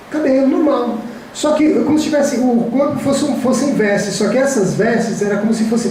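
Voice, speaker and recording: A man's voice: very high-pitched, mellow, a little hiss or hum. A man giving a reflective spiritist talk, telling a personal story with many restarts. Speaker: lecturer. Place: lecture hall. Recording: very echoey hall from far off.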